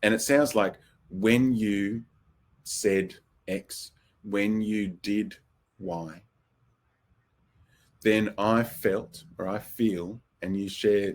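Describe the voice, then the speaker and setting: A middle-aged man teaching a counseling webinar in a relaxed, thoughtful way, with fillers and acted-out example phrases. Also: fairly low pitch, slow.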